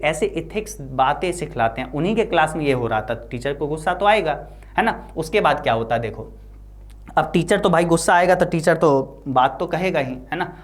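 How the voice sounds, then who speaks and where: A woman explaining an English lesson line by line, reading English slowly and explaining in with frequent tag questions. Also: sits low. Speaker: teacher.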